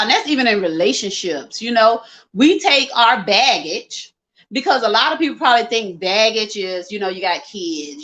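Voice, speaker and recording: A woman's voice: mid-range voice, a bit bright. A middle-aged woman talking informally to live viewers, rambling through advice and repeating points for emphasis. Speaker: livestream host. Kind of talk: casual chat to live viewers, giving advice.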